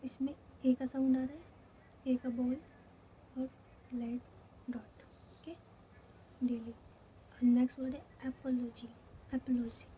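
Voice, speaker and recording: A woman's voice: high voice, level tone, dark tone, a little hiss or hum. A woman with a Hindi accent teaching shorthand, walking through each step and checking in often. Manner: slow, repeats each step, checks in with "theek hai". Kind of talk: step-by-step lesson.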